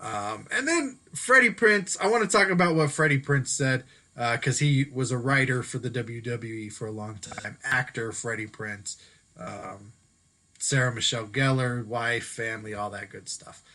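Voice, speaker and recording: Based in Denver, a sports podcast host runs a solo commentary show in a casual, chatty manner, occasionally pausing to correct himself. His voice is medium-pitched, pushed and bright, at normal speed.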